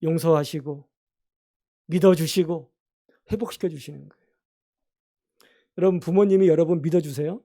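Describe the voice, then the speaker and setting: A man's voice: fairly high pitch, a little fast, pauses often, warm tone. A man preaching a sermon as pastor in a church, earnestly asking the congregation questions. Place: church sanctuary.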